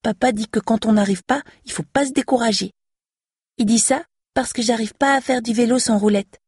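Casting: a woman putting on a bubbly five-year-old girl, high and bright, slightly husky. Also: fairly quick, no room sound, clean studio sound. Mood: chatty. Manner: high, pleading childlike voice.

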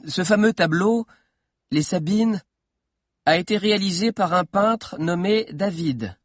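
A man's voice: sits high, unhurried, pitched above the performer's own voice. A man voicing a timid, bespectacled teenage boy historian who lectures nervously, in an audiobook. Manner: nervous lecturing storyteller, growing bolder. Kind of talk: audiobook character voice.

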